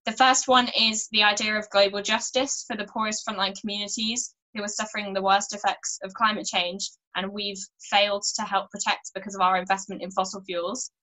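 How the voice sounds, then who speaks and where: A woman's voice: medium pitch, flat delivery, fairly quick, hardly any pauses, bright, forceful tone, poor audio. A teenage girl, an earnest youth climate activist speaking steadily and articulately to a webcam in a small room at home. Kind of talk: recorded church talk to camera.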